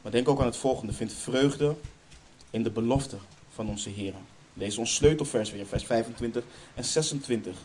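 A man's voice: medium pitch, normal speed, darkish tone, slight background noise. A man preaching a sermon in Dutch churches' style, stressing key lines emphatically, then leading a prayer.

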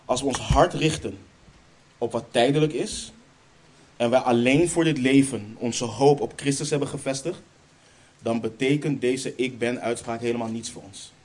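A man's voice: mid-range voice, unhurried, darkish tone, a little hiss or hum. A man preaching a sermon in Dutch churches' style, stressing key lines emphatically, then leading a prayer.

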